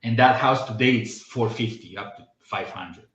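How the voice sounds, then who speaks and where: A middle-aged man from Romania, not a native English speaker, chatting casually on a podcast about housing, halting often and repeating words as he restarts. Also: on the low side, fairly bright tone, lo-fi sound. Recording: roomy echo.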